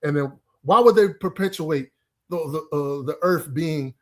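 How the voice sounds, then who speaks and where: A man's voice: fairly high pitch, a little slow, darkish tone. A man in casual chat, insistent, who stumbles over repeated words.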